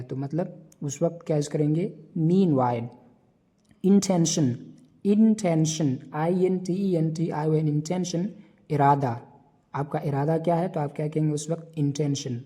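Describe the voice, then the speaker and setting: Male tutor, unhurried vocabulary drill, letter-by-letter spelling, soft and breathy tone. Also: on the high side. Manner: spells each word letter by letter and repeats it; explains in Hindi with English words mixed in. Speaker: English vocabulary teacher. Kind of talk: vocabulary lesson.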